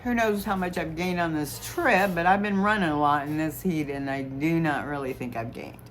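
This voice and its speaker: A woman's voice: sits low, moderate pace, slight background noise. A woman in her sixties, slightly tipsy, chatting casually and ramblingly as a vlogger. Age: 60s. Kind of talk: casual chat.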